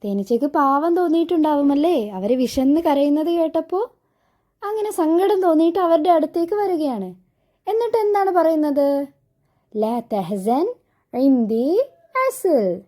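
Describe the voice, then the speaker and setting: High, lively-voiced woman teaching young kids. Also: moderate pace. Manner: patient and coaxing, asks the children many questions and repeats words for them to echo. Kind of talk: online class for young children.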